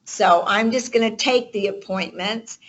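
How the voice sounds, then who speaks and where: This woman speaks at a medium pitch and takes her time, heard through a conference call line with dull audio. She's delivering emphatic motivational coaching to a group, checking in with rhetorical questions as she goes.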